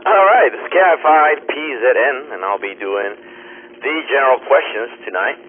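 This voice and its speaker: A man on a ham radio net, heard through a radio transmission, slowly reading exam questions and repeating the options. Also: medium pitch, animated, husky. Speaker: radio net quiz reader. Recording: tinny ham radio with faint static.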